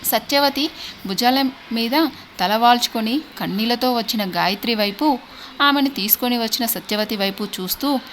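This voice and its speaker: A woman narrates a serialized audiobook story in a steady, expressive way. Her voice sits fairly high. A faint hiss of background noise runs under the recording. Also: normal speed.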